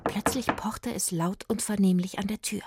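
A woman reading a children's story aloud, expressive and sometimes hushed. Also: mid-range voice, normal speed, heavy background noise.

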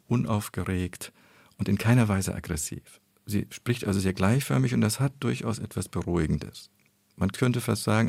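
A man explaining speech research in an interview, in a measured, analytical way. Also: lowish voice, vocal fry, darkish tone, no echo.

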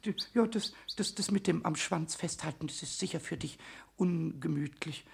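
A woman voicing a mischievous little male kobold in a radio play, husky, giggly and stammering, swinging between whispers and squeals. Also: low-pitched, normal speed, a little mellow, exaggerated voice. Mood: excited.

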